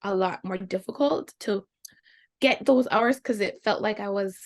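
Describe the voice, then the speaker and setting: Taking her time, a young Jamaican woman shares her experiences as a guest in a relaxed interview. She's lively in the telling, and her voice jumps higher when she repeats the reactions she got.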